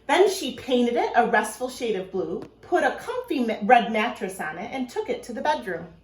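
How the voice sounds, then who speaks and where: Speaking straight to the children and quizzing them, a woman teacher records an informal video message and read-aloud for her elementary pupils. Her slightly high voice has a sing-song quality at a moderate pace, and the room is echoey.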